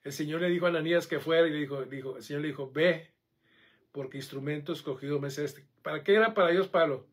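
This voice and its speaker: A man preaching a sermon, animated and conversational, often checking in with the congregation. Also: on the high side, quick pace.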